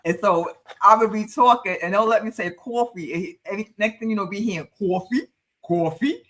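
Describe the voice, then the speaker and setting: Brief: woman co-host with a New York accent, playful and repetitive, crisp sharp tone. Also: mid-range voice, a little fast. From Harlem, New York. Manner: playful, repeats phrases for effect. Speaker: podcast co-host. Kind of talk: casual podcast banter.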